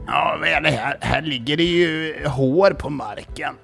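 A man's voice: fairly high pitch, gravelly, fairly bright tone, slightly rough, soft background music, heavily acted. A man doing a hesitant little vole. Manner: hesitant, with fillers. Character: nervous male vole with a mandolin. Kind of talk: children's story voice acting.

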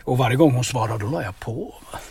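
A man telling absurd stories in a deadpan, rambling way inside a car, tagging his lines with questions. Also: mid-range voice, creaky, breathy edge. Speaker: comedic storyteller. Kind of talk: deadpan absurd comedy chat.

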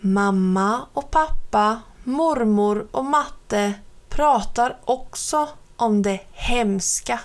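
A woman gently reading a children's book aloud. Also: fairly high pitch, few pauses. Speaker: narrator.

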